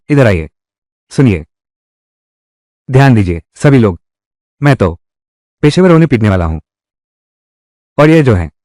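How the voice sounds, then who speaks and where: A man's voice: medium pitch, darkish tone, dry recording, studio quality. A man dubbing a boastful professional mourner in a drama, speaking theatrically to a crowd.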